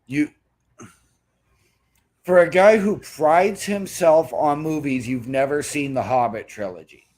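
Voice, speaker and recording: A man's voice: on the high side, measured pace, pauses often, darkish tone. A man co-hosting a casual podcast, laid-back and mostly giving brief replies. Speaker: co-host.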